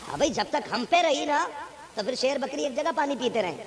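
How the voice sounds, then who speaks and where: A male imam with a north Indian Urdu accent preaching a sermon, who tells stories and asks pointed rhetorical questions. He moves between quiet, chatty asides and loud, forceful exhortation. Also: very high-pitched, very animated. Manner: emphatic, swings from soft asides to loud exhortation; conversational storytelling with rhetorical questions. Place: religious gathering before a live audience. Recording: live gathering with audible crowd.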